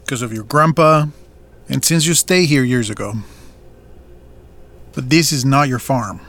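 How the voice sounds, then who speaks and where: In an audio drama, an actor plays a stern man who co-runs a family farm, confronting someone in a measured, serious manner. The voice is medium-pitched and a bit bright.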